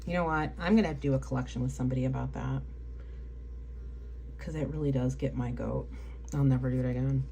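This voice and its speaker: A rumbling low, gravelly yet mellow voice belongs to a woman talking fairly quickly in a steady tone, with long pauses and a little hiss or hum. She hosts a casual nail polish live stream, showing polish, chatting with viewers, reading their comments aloud and getting sidetracked easily.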